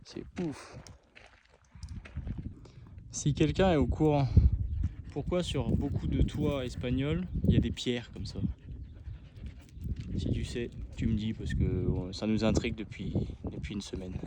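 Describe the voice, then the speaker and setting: A man's voice: medium pitch, measured pace, pauses often. Chatty vlogging man outdoors, noisy audio. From northern France. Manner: chatty, rambling, asks viewers questions. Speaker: travel vlogger. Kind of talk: casual travel vlog chat. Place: outdoors, ruins and seaside.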